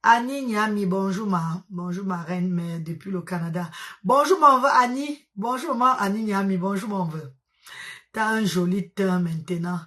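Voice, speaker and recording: A woman's voice: mid-range voice, fairly bright tone. A tired woman hosting a casual live stream, greeting her viewers one by one and fondly calling them mother and sister. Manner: affectionate, calls viewers maman and sister.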